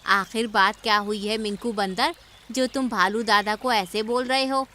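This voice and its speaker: A woman voicing a calm, sensible female bird auntie in a cartoon. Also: mid-range voice, unhurried, a little hiss or hum. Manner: calm and reasonable.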